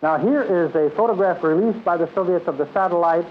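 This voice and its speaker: A man's voice: sits high, fairly quick. A man giving live explanatory commentary as a television presenter. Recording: noisy, dull archival TV soundtrack.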